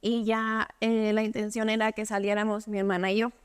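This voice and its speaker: A young Cuban woman appears as an interview guest, chatting casually and filling her speech with words like "o sea" and "pues." Her voice is medium-pitched, level and clean, and she talks fairly quickly.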